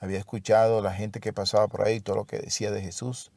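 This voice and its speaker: Gravelly low-voiced man teaching scripture. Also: flat delivery, a little mellow, dry recording. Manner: slow, reflective, with pauses and restarts. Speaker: Bible teacher. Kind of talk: devotional Bible lesson.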